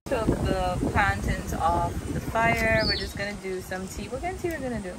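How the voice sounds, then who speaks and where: A woman's voice: mid-range voice, moderate pace, loud music behind the voice. A woman vlogger, describing food in a plain, easygoing way outdoors. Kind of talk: casual vlog narration. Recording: loud outdoor noise.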